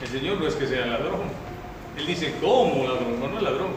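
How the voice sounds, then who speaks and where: A man with a Central American Spanish accent preaching a sermon in a church, exhorting the congregation and rising to shouts. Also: expressive, brisk, distant mic. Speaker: pastor. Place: church hall. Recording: very echoey hall, mic from afar, faint rumble.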